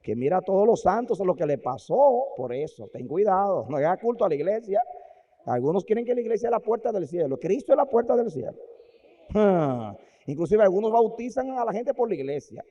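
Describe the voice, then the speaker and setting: Husky preacher guy, super lively voice, dull old recording. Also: sits high, brisk, in a large hall. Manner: animated, swings from quiet asides to loud exclamations. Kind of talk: sermon with storytelling.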